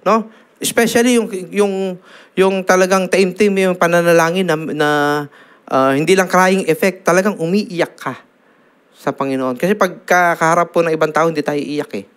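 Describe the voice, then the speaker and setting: A middle-aged man with a Filipino accent delivers a sermon in a clear, fairly high voice. He tells stories with animation and keeps checking in with his listeners. His talk switches freely between Tagalog and English. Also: normal speed. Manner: animated storytelling, Taglish with frequent "no?" tags. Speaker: pastor.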